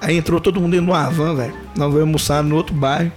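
A man's voice: on the high side, rapid-fire, faint music behind. A man with a Belo Horizonte accent, a podcast guest telling a story with lots of laughing and acted-out dialogue. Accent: Belo Horizonte, Minas Gerais. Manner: animated, laughing storyteller who acts out dialogue. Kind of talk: casual podcast chat.

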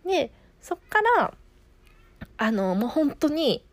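Animated Kansai woman recounting a birth. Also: sits high, takes it slowly, dry recording. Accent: Kansai Japanese. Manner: animated, acts out her own inner thoughts. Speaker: midwife sharing her birth story. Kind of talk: casual podcast storytelling.

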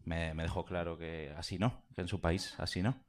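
A man's voice: deep voice, fairly even intonation, moderate pace, a crowd in the background. Self-deprecating man telling a story. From Pontevedra, Galicia, Spain. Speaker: show guest. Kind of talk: casual anecdote telling.

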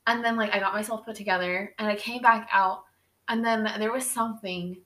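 Chatty young woman, bright and roomy. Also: mid-range voice, fairly even intonation, a little fast. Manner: chatty, many fillers like "like". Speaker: podcast host. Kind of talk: casual storytelling chat. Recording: roomy echo.

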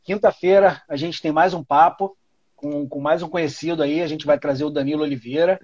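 A man's voice: a little high, fairly even intonation, brisk, darkish tone, no echo. Brazilian man hosting, in dull call audio. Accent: Brazilian Portuguese. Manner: informal, slangy, chatty. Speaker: host of an online product management talk show. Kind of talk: casual live interview hosting. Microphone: video call.

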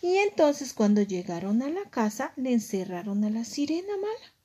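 A woman improvising a fairy tale for a child in a gentle, sing-song manner, repeating words for emphasis. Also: a little high, sing-song, normal speed, husky. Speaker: storyteller. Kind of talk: improvised bedtime storytelling with a child.

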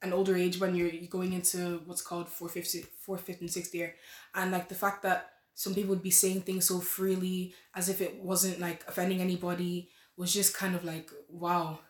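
A woman's voice: lowish voice, flat delivery, moderate pace. An eighteen-year-old woman, a nursing student, speaking as a podcast guest in a rambling, casual way with many restarts. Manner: rambling, restarts, soft laughs. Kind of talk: casual interview chat. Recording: roomy echo.

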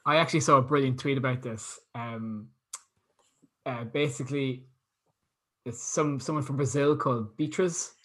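A man's voice: mid-range voice, moderate pace, long pauses, a bit bright, breathy edge. A man hosting a casual chat, talking loosely and laughing as he tells stories. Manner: chatty, laughs while telling stories.

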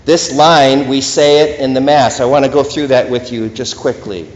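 An earnest priest preaches a homily, pressing his points home with steady emphasis. His voice rings through a large church with a long, roomy echo. The recording sounds dull and lo-fi. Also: mid-range voice, moderate pace. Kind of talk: sermon. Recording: echoey church hall, dull lo-fi.

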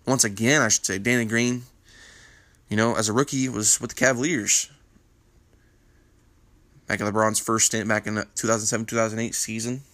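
A man's voice: lowish voice, fairly even intonation, moderate pace, long pauses, a bit bright, no echo. A man hosting a basketball news panel in casual commentary, with a congested morning voice from a sinus infection, rambling with many fillers. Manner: rambling, filler-heavy, opinionated.

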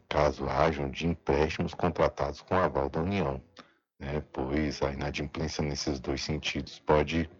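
A Brazilian man, a consultant, explaining in an interview clip and often adding tag questions. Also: a bass voice. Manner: frequent "né" tags. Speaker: budget consultant. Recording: slightly dull interview clip.

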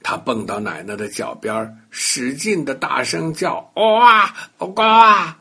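An older man narrating a bedtime story for children, talking lively and speaking directly to the young listeners. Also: medium pitch, measured pace, gravelly, husky.

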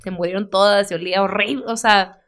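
A young woman from Mexicali, co-hosting a podcast, telling stories in a slangy, animated way. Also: medium pitch, fast talker. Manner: slangy, animated storyteller who acts out voices. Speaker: podcast co-host. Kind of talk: casual chat, storytelling.

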